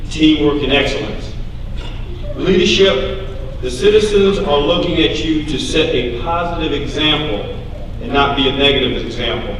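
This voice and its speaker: A man's voice: on the high side, a bit bright. A man giving a formal, exhortatory podium speech as a guest official at a graduation ceremony. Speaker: law enforcement official, guest speaker. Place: large hall at a graduation ceremony. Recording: very echoey hall, distant mic, faint noise.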